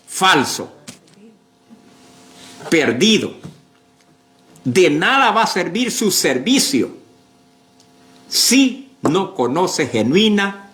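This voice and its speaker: A male pastor preaching a sermon slowly and emphatically, with many fillers and repeated words. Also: high-pitched.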